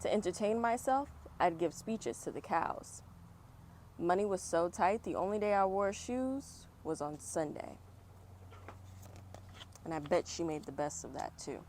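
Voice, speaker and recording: A woman reads a children's picture book outdoors on a fall day, her low-ish, darkish voice unhurried but lively in intonation. She offers chatty, encouraging comments to young viewers while outdoor sounds and passing cars fill the background.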